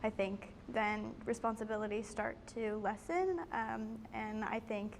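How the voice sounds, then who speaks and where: A nineteen-year-old woman from the United States giving relaxed, chatty interview answers, full of fillers. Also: fairly high pitch, a little slow, gravelly. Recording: faint background noise.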